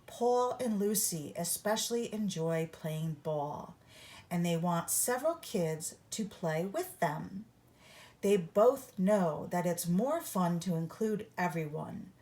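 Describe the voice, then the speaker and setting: Her voice is lowish, expressive and mellow as she reads a children's picture book aloud, pacing it deliberately and instructively for small listeners to read along.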